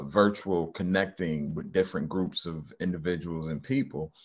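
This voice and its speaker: A middle-aged man, a hypnotherapist being interviewed, talking casually and rambling with lots of ums and restarts. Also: low-pitched. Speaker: hypnotherapist guest.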